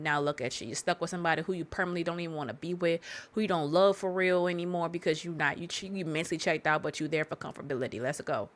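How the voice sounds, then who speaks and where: A woman hosting a solo podcast, giving candid, profane life advice in a rambling, preachy way and repeating herself for emphasis. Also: lowish voice. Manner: talks straight to listeners, repeating herself for emphasis. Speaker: podcast host.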